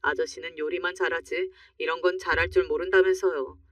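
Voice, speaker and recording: A woman's voice: lowish voice, fairly quick, no room sound. Woman narrating a true-life story. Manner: calm, confiding first-person telling. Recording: dry, muffled, slightly distant.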